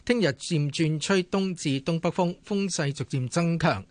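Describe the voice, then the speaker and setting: A man reads a scripted weather bulletin in a formal, even tone. His voice sits a little high. The recording is close and completely dry. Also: moderate pace, no echo. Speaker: news and weather reader.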